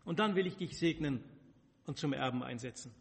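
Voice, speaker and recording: A man's voice: mid-range voice, fairly quick, creaky, natural voice. A man voicing a frail, elderly father who speaks a solemn blessing, in a reverberant hall. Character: frail old father near death.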